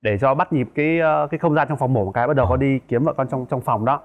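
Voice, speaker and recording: A man's voice: medium pitch, fast talker, phone-quality sound. A man, a talk show guest talking earnestly and repeating his words. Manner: earnest, repetitive phrasing. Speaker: guest, husband. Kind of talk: casual TV talk show conversation.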